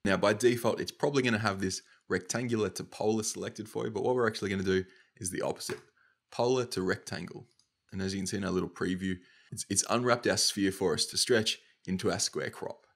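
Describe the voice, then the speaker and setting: A young Australian man with a slightly nasal, stuffy voice, casually talking through a software tutorial step by step. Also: on the low side, fast talker. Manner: casual, upbeat, talks through each click. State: nasal from hay fever. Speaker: motion design tutor.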